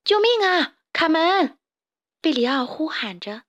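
A woman's voice: fairly high pitch, expressive, normal speed, dry recording, dull audio. A woman storyteller voicing a timid little boy chick who sounds frightened and pleading.

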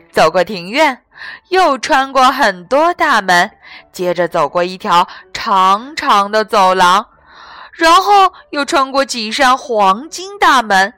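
A woman narrating a children's story in a gentle, expressive way. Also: mid-range voice, no room sound.

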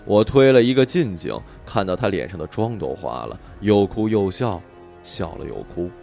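A man narrating an audiobook story in an expressive, animated storytelling manner. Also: sits low, moderate pace, gravelly, soft background music.

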